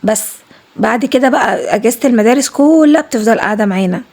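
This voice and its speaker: A woman with an Egyptian Arabic accent, a home vlogger talking casually over her cleaning footage, fast and emphatic, repeating herself. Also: fairly high pitch, a little mellow.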